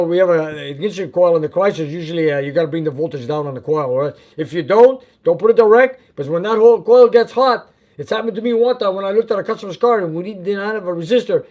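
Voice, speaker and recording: A man from Canada with a rather high voice hosts a casual live stream from his repair shop. He works as a mechanic and answers viewer comments plainly. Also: fast talker, highs cut off. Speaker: host and mechanic.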